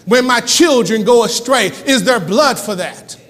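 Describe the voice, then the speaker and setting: Male pastor, high voice, rhythmic repeated refrains, church hall reverb. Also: a little slow, fairly bright tone. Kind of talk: sermon. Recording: church hall reverb, faint room noise.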